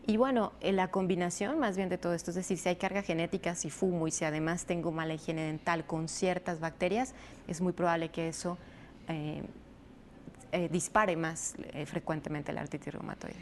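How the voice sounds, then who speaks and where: A woman rheumatologist, explaining a disease in measured interview answers with frequent fillers. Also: fairly low pitch, fairly even intonation, darkish tone. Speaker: rheumatologist guest. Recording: faint background noise.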